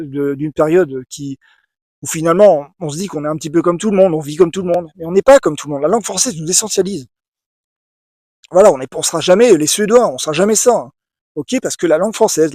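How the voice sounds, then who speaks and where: A man's voice: a little high, darkish tone, no room sound, clean studio sound. A man giving a casual opinion monologue to the camera, emphatic and repetitive, with many restarts and asides to the viewer. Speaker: video essayist.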